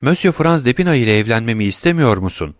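A man's voice: medium pitch, expressive, fast, no room sound, studio quality, lightly acted. A man voicing a tearful, devoted young granddaughter in an audiobook, earnest and pleading. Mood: eager. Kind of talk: audiobook reading.

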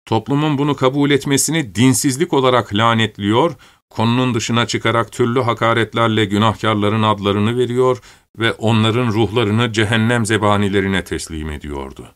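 A man narrating an audiobook in a steady, measured reading voice. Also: on the low side.

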